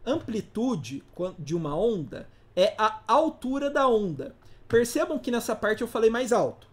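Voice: medium pitch, very animated, unhurried. An instructor giving a casual live class, informal and slangy, often putting rhetorical questions to the audience. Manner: slangy, playful teaching asides.

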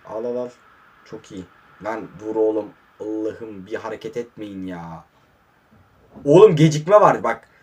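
Husky frustrated man commentating gameplay. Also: medium pitch. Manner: frustrated muttering with sudden excited outbursts. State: hot and sweating. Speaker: mobile football gamer. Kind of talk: casual live gameplay commentary. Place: warm room indoors.

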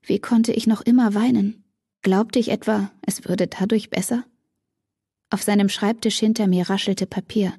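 A woman reading a fantasy audiobook in first person, calm and measured. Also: medium pitch, slightly rough, no room sound, clean studio sound. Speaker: audiobook narrator. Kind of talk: scripted first-person narration.

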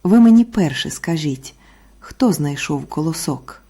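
A woman's voice: low voice, animated, measured pace, dark tone, slightly rough, exaggerated voice. A woman voicing a hardworking, patient little rooster in a storybook tale, calling out earnestly. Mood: stern.

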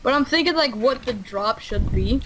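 Woman gamer, casual chat, playful and easily sidetracked, slightly high voice, light background noise. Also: lively intonation, moderate pace. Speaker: gamer co-host.

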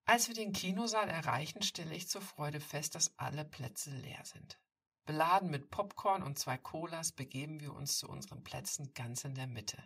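A woman reading a first-person story aloud, intimate and softly told, on a distant mic. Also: sits low, expressive, normal speed, breathy edge. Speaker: audiobook reader.

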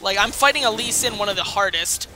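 A young woman streaming a video game, chatting casually with a teammate, loud, swearing freely and hyping up her own plays. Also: medium pitch, lively intonation, quick pace, background noise. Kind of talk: casual gaming chat with a teammate.

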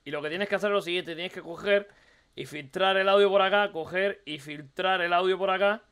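Fast, bright-voiced Cuban man streaming. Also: high-pitched, clean tone, faint music behind. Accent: Cuban Spanish. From Cuba. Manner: animated, teasing, repeats phrases, asks rhetorical questions. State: hoarse from recording the night before. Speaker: streamer reviewing a viewer's video. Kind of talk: casual live-stream commentary.

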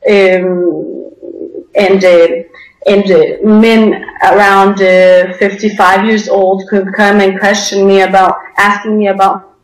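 A woman's voice: medium pitch, level tone, takes it slowly. A young woman from Denmark talks on a video call from a small room, hesitant and full of fillers. Her voice sits mid-range for a woman. The call audio rings with room echo. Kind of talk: interview answers.

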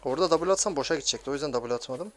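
A young man giving excitable, grumbling commentary while playing a mobile game, swearing at teammates. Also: a little high, racing. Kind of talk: live gameplay commentary.

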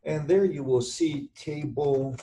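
This middle-aged male structural engineering instructor talks through an informal screen-share tutorial from his computer, on webcam indoors. His fairly high-pitched voice is unhurried and soft-edged, and he speaks haltingly and deliberately, thinking aloud as he writes.

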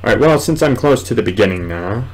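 Quick and lively in intonation, with a medium-pitched voice, a twenty-something video host and gamer rambles through let's play commentary. He mutters hesitantly to himself. The setting is a small indoor room at home, and the recording is clearly noisy.

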